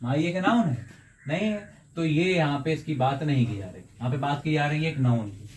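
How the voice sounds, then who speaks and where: A man teaching English grammar in Hindi, asking his viewers questions and answering them himself, and stretching out each example sentence slowly. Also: a little high, animated, slight background noise. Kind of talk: explaining grammar in a video lesson.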